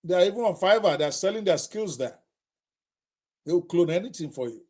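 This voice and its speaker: Middle-aged Nigerian male host, emphatic, repeats points, talks straight to viewers, pitched on the high side. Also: animated, a little fast, a little mellow. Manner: emphatic, repetitive, direct address to viewers. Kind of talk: live talk on technology.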